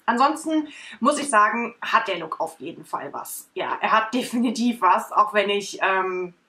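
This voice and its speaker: In a bedroom or home studio, a beauty vlogger chats her way through a makeup tutorial, full of fillers and rambling asides. The young woman's mid-range voice is animated and sharp, at a moderate pace, captured by a camera at desk distance.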